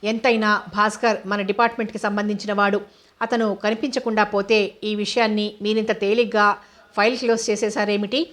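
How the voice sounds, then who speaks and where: A woman's voice: mid-range voice, level tone, fairly quick, a bit bright, lightly acted. A woman voicing a confident young female officer who asks cool, probing questions in a storybook reading.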